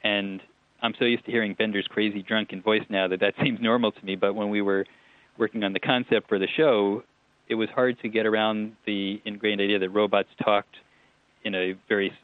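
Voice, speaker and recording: A man's voice: lowish voice, level tone, brisk, dry recording. A man being interviewed about a show he made, talking in a chatty, digressive way with small laughs and restarts. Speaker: TV writer-producer guest. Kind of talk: relaxed interview answers. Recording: tinny phone line.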